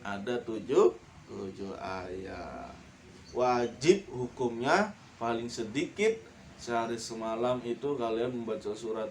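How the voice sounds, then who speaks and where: A man teaching a Quran lesson, reciting verses in a slow, drawn-out chant and then quickly correcting pronunciation. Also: medium pitch, a little hiss or hum.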